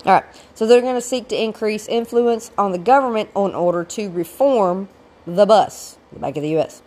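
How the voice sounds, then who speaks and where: A woman with a gravelly voice, getting over a cold, giving an informal recorded history lecture as a teacher with explanatory asides. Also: mid-range voice, normal speed, a little mellow.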